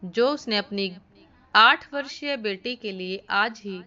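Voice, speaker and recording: Slow, bright-voiced woman storyteller. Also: medium pitch. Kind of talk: devotional story narration. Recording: dull lo-fi recording.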